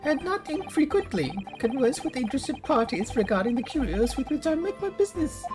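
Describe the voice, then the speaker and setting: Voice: high-pitched, sing-song, a little fast, pitched above the performer's own voice. A streamer voicing a fussy old male antique dealer in a game voiceover, pompous and flowery. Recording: game music behind. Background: game music.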